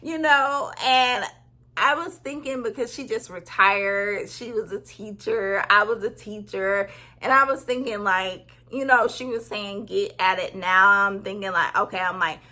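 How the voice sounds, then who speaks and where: A sewing vlogger in her thirties chats casually to camera, giggling often and sounding bubbly with lots of "like." Her mid-range voice is pushed and bright, and she speaks unhurriedly.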